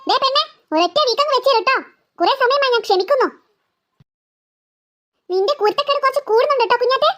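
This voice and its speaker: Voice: very high-pitched, fast talker, long pauses, sharp tone. A performer voicing an impatient mother who scolds and threatens her daughter. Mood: scolding. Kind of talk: cartoon voice acting.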